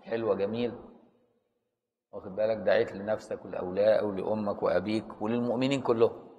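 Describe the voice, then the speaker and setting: A man's voice: on the low side, fairly even intonation, fast talker, dark tone, big-room sound, muffled recording. A man with an Egyptian accent teaching Islamic jurisprudence in a conversational lecture, often stopping to ask the students if they follow. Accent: Egyptian Arabic.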